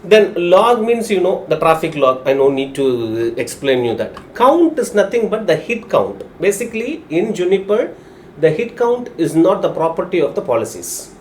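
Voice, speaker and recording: Telugu-accented man teaching, lively pitch. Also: moderate pace, a little hiss or hum. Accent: Telugu Indian English. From Telugu-speaking region of India. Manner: explanatory, checks understanding with short tag questions. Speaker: technical instructor. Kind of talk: live technical lesson with screen demonstration.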